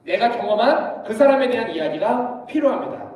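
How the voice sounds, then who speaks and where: A man's voice: very high voice, lively intonation, a little fast, a little mellow, a little hiss or hum. A young man preaching at a youth retreat, telling stories and acting out the voices of the people in them. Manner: storytelling, acts out voices of people in his anecdotes. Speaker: youth pastor. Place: large church hall. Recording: echoey hall, voice from far off.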